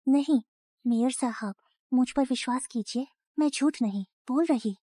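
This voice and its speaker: A woman's voice: sits high, unhurried, dark tone, no room sound, clean studio sound. A young woman voicing a kidnapped college student who pleads urgently and defies her captors. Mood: pleading. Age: young adult. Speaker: dubbing actor. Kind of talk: Hindi drama dub.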